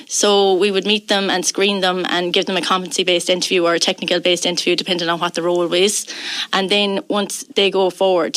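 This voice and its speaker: A woman's voice: mid-range voice, fairly bright tone, no room sound. A woman with a west of Ireland accent, chatting informally and emphatically as a guest in a radio interview.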